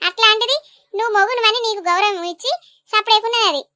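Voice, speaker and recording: Cartoon village busybody, Telangana accent, shrill and bright, scolding; female actor. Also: quick pace, dry recording, studio quality. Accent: Telangana Telugu. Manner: scolding, bossy. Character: outspoken village woman, scolding relative. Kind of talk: animated comedy voice acting.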